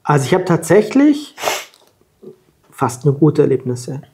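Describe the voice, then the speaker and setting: Seated at a table in a plant-filled room, a forties-aged German guest who travels long distances by scooter shares colloquial, lively travel stories. His voice is a little high, his pace measured, and he's recorded on a lapel mic.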